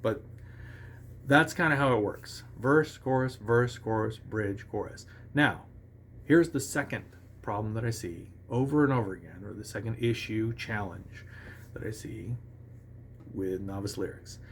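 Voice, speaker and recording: A man giving a relaxed, conversational songwriting lesson, talking with restarts and sometimes singing short nonsense syllables as examples. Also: fairly low pitch, measured pace, slight background noise. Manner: self-assured about his own lyric writing. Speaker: songwriting teacher. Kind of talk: casual instructional talk.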